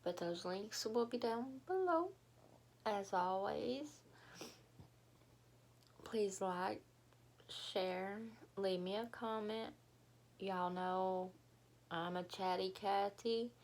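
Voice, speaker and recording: Speaking extremely slowly with frequent pauses, a woman with a mid-range, darkish voice talks to viewers in her mukbang vlog. Captured on a phone camera, she sounds weary and unwell, rambling casually and hesitantly.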